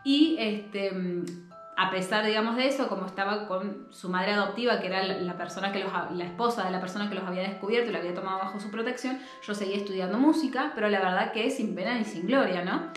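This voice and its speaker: A woman's voice: mid-range voice, fast talker, pitched below the performer's own voice, close to an everyday voice. A woman voicing a sweet young singer. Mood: confiding. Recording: roomy echo, faint music.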